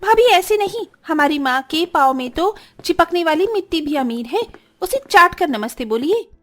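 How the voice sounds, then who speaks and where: A woman's voice: extremely high pitch, animated, moderate pace, voice pushed up. A woman voicing a sneering spiteful young sister-in-law. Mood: scornful. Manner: sneering, taunting. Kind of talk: cartoon story voice acting.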